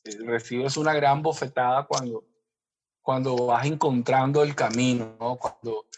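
A man from Colombia's Caribbean coast, with that region's Spanish accent, speaking reflectively as an author in an interview, halting and often rephrasing. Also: medium pitch, fairly even intonation, a little hiss or hum.

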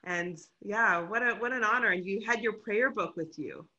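A woman hosts a casual conversation in a bright, forceful voice. She responds in a reflective, encouraging way and sums up what her guest says. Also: medium pitch, moderate pace, muffled recording. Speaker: host. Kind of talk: casual chat.

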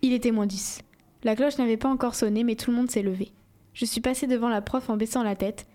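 A woman reading a first-person novel aloud in a steady, measured storytelling voice. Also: a little high. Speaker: audiobook reader.

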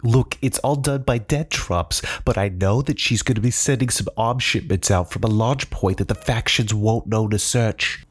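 A terrified low-level informant in a sci-fi audio story, as the narrator puts him on, pleading in a nervous, stammering rush. His voice sits a bit higher than the narrator's and has a husky edge, with music underneath. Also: moderate pace, hardly any pauses. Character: frightened small-time male informant, pleading.

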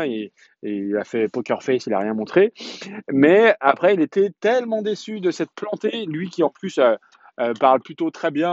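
A man in his thirties or forties telling a personal story in a casual podcast monologue, halting often on fillers and restarts. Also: a little high, a little mellow, no echo, lo-fi sound. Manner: hesitant, chatty storytelling with many fillers and restarts.

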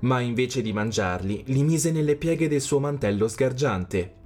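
A man narrating a storybook tale in a clear, measured way. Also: mid-range voice, lively intonation, darkish tone, faint music behind.

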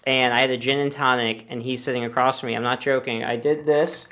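A young man in casual podcast chat, a comedian telling a story with energy, swearing freely and leaning on fillers. His voice sits at an ordinary middle pitch. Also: steady tone, quick pace, fairly bright tone. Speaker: guest comedian.

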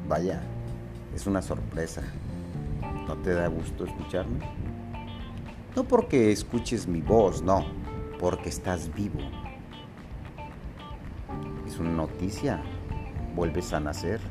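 A man who hosts a daily reflection, telling a parable and encouraging listeners in a gentle, preaching way. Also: sits low. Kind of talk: motivational reflection.

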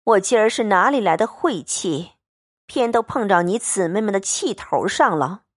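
A woman reading the part of a good-humored married noblewoman who tries to smooth things over in a storybook reading. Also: mid-range voice, animated, moderate pace, dry recording, studio quality, lightly acted. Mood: placating.

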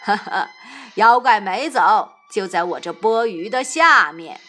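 A woman voicing a serene, merciful old male Buddha in a storybook tale, speaking slowly in a lowered voice. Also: animated, pushed and bright, soft background music. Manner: slow, lowered, measured.

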